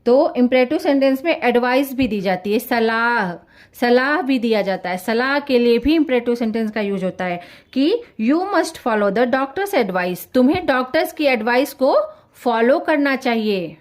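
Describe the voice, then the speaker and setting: A woman teaching English grammar in Hindi. She speaks slowly and reads English example sentences out one word at a time, then asks the viewers a question and answers it herself. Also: a little high, expressive.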